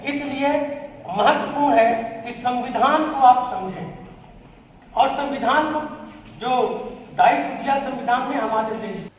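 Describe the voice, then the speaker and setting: Man, very high voice, explanatory speech, measured, distant mic, long hall echo. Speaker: speaker at a Constitution Day event. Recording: echoey hall, distant mic, faint noise.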